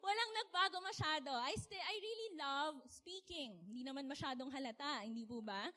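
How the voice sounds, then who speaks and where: Young woman, high-pitched, chatty sermon, animated, asks audience questions. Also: moderate pace. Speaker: speaker. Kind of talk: casual sermon talk.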